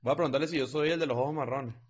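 A man's voice: mid-range voice, rapid-fire, breathy edge. A man co-hosting a podcast, joking in casual, slangy banter. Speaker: podcast co-host. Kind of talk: casual chat.

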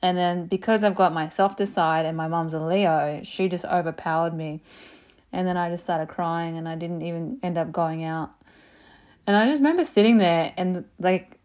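A woman telling personal stories in a casual, animated way, swearing freely and saying "like" a lot. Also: on the low side, moderate pace. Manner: animated, profane, lots of "like". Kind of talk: casual storytelling.

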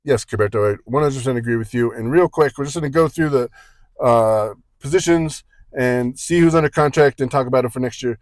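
This man co-hosts a casual sports podcast, speaking fairly quickly at a medium pitch with no echo. He rambles through his points, tossing in jokes and often correcting himself.

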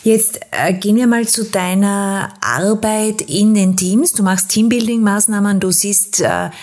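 A woman's voice: mid-range voice, a little slow, darkish tone. A woman hosting an interview podcast, asking long, winding questions with frequent hesitations. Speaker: podcast host.

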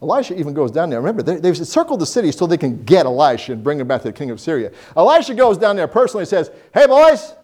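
A man preaching a sermon, telling Bible stories with animated voices and reading scripture slowly. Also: fairly high pitch, husky. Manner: animated storytelling, acts out Bible characters; slows down to read scripture.

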